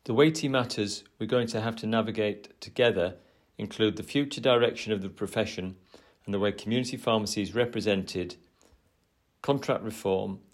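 A man with a fairly low voice gives a prepared address. He sounds measured and earnest, like the chair of a professional body. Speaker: trade association chair. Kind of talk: prepared formal speech.

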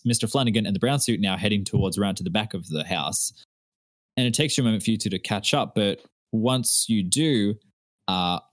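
A man's voice: lowish voice, dry recording. A man running a tabletop role-playing game as game master, telling the scene descriptively in a casual way. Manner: descriptive storytelling, casual asides.

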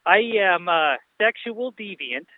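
High-voiced man calling in over the phone. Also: expressive, measured pace, a little hiss or hum. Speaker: caller. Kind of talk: comedic call-in sketch. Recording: tinny phone line.

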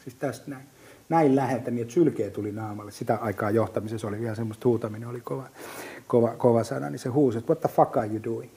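A man's voice: medium pitch, breathy edge. A middle-aged man talking casually and vividly, full of fillers and restarts. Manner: lively storyteller with many fillers and restarts. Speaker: business guest. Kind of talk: casual podcast chat.

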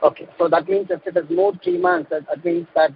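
A man calling into a radio advice show over the phone, asking his question with many hesitant pauses. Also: a little high, fairly even intonation, breathy edge. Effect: phone call heard on air. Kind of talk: call-in question. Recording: dull phone-line sound.

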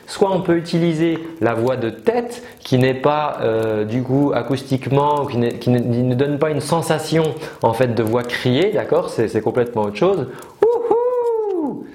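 A man's voice: mid-range voice, normal speed, few pauses, darkish tone. A man teaching singing in a casual online lesson, explaining with many fillers and demonstrating sung notes. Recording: roomy echo.

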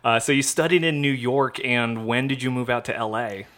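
Chatty male podcast host, energetic and bright, quick to laugh. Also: mid-range voice. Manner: excitable, chatty, laughs easily. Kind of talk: casual chat.

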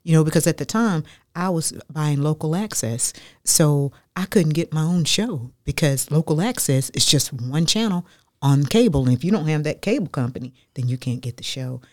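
A woman, a radio guest telling her life story in an animated, chatty way that repeats phrases for emphasis. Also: sits low, moderate pace, no room sound, clean studio sound. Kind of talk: casual storytelling interview.

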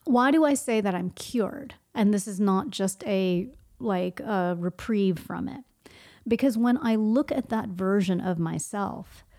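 As a podcast guest, this woman has a warm, medium-pitched voice. She talks reflectively, often raising a question and then answering it herself.

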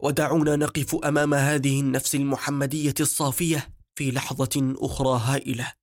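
Male audiobook narrator with a mid-range voice and a solemn, measured read, recorded dry and close. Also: medium pitch, flat delivery, dry recording. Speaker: audiobook reader. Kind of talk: scripted book narration.

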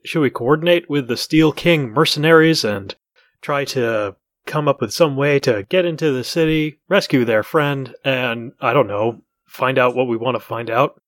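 A man's voice: mid-range voice, normal speed, no room sound. A man playing a tabletop game, proposing plans with a dry, joking manner. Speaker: player. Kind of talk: casual play chat.

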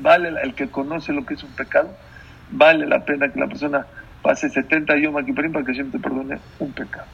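A man's voice: on the high side, vocal fry, fairly bright tone, breathy edge. A man giving a sermon as a rabbi, emphatic, repeating phrases and putting questions to his listeners, on a dull lo-fi recording. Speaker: rabbi, religious teacher.

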